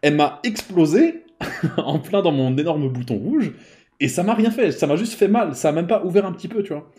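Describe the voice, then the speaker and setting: A man's voice: a little high, normal speed. A man in his thirties telling a personal story in a casual, slangy way, often adding "you see". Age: 30s. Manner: lively, slangy, peppered with "tu vois".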